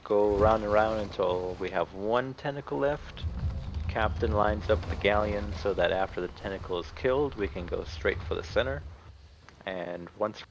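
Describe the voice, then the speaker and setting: A man's voice: on the low side, moderate pace, a little hiss or hum. A man explaining game tactics over voice chat, his audio cutting in and out now and then.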